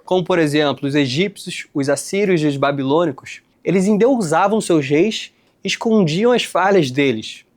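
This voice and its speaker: A young man from Rio de Janeiro, hosting a casual explainer and talking straight to his viewers in relaxed slang. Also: fairly high pitch, normal speed, few pauses. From Rio de Janeiro, Brazil. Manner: conversational, addresses viewers directly with slang. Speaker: host, licensed tour guide.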